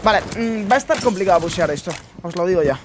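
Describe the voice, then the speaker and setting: Young man, Spain Spanish accent, high-pitched, chatty and excitable, gameplay commentary, noisy game sound behind. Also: fast talker. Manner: chatty, excitable, slangy, talks to viewers. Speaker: gaming YouTuber.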